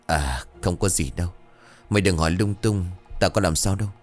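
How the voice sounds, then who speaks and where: A man voicing a gruff, secretive old village uncle. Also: sits low, a little fast, faint music behind, natural voice. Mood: grave. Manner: gruff, hushed and brushing off questions.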